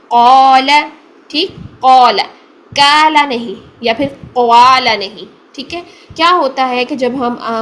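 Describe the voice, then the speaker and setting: A woman teaching Quran recitation, patiently explaining and repeating single sounds slowly for the learner to copy. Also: on the high side, a bit bright, a little hiss or hum. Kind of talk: tajweed pronunciation lesson.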